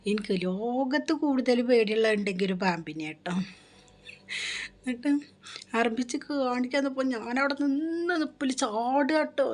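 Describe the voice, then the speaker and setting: A woman, telling her viewers a story in a chatty, animated way with many restarts. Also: medium pitch. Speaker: vlogger.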